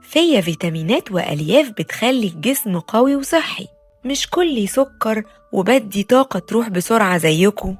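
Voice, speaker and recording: A woman with an Egyptian Arabic accent voicing a calm, wise and kind female apple in a children's bedtime story. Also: medium pitch, moderate pace, soft background music, natural voice. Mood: gentle. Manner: gentle and patient, explaining.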